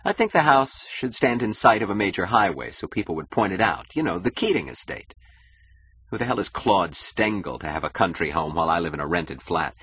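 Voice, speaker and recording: A man's voice: deep voice, very animated, fairly quick, a bit bright, a little hiss or hum. A man voicing an insecure, status-hungry young husband who talks eagerly and boastfully in an audiobook. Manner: eager, boastful, nervously defensive. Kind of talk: audiobook character voice.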